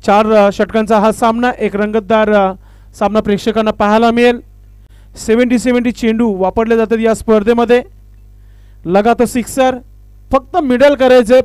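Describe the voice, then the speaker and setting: High-voiced man announcing local cricket. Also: darkish tone, smooth, dry recording. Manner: formal, honorific announcing with filler pauses. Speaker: cricket match commentator and announcer. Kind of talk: live tournament commentary with stage announcements.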